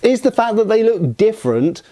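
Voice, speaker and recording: A man's voice: sits high, sing-song, moderate pace, dark tone. A man, enthusiastically explaining what makes a weapon design work, in a discursive commentary style. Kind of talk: explanatory commentary on game art.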